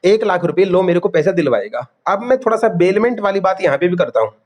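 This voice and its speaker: A male teacher giving an online class lecture, calling students "beta", drilling key terms and quizzing them for quick answers. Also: high voice, lively intonation, a little mellow.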